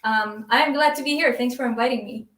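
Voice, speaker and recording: A woman's voice: a little high, brisk, a bit bright. A woman from Iraq with an Iraqi Arabic accent, a guest drummer talking easily in a live stream interview, with many ums and frequent laughs. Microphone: video call. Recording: echoey room, distant from the mic.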